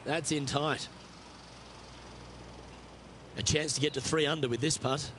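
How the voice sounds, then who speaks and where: Guy doing golf game commentator calling shots, kinda higher voice, noisy behind. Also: steady tone, a little fast, a bit bright, close to an everyday voice. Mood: measured, approving.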